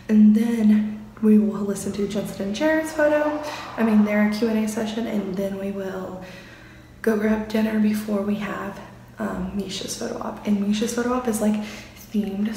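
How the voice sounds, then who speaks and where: A young woman chatting excitedly as a vlogger, filming herself on a phone held at arm's length. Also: mid-range voice, poor audio. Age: young adult. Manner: chatty, excited fan talk. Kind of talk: casual vlog chat. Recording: phone vlog with background noise.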